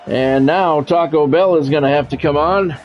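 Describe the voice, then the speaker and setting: Slightly high-voiced and moderately paced, an American man gives live football video game play-by-play with a faint crowd audible. His delivery is clipped radio-style sportscasting, broken up by casual talk with stream viewers, captured on a dull lo-fi mic with background music.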